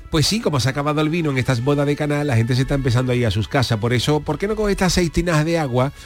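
A man voicing a pushy, greedy talent agent in a radio comedy sketch, with a rapid salesman patter. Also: fairly high pitch, faint music behind. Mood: wheedling. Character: pushy fast-talking male talent agent.

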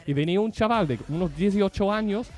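Man, slightly high voice, animated storytelling, radio chat, faint music behind. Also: a little fast. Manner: animated, acts out his own cries for help. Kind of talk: casual storytelling.

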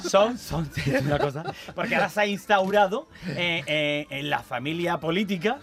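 A man's voice: a little high, expressive, normal speed, vocal fry, fairly bright tone. A man, a joking radio regular who tells stories and breaks into flamenco singing. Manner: clowning storyteller, bursts into flamenco singing.

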